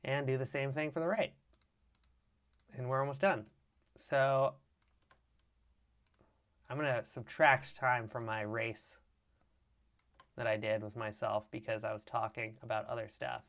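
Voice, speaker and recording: A man presenting a live 3D animation tutorial, with a slight vocal fry and frequent throat clearing, narrating each click and step as he works. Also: mid-range voice, level tone, unhurried, long pauses, fairly bright tone. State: keeps clearing his throat. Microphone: mic with problems on a livestream.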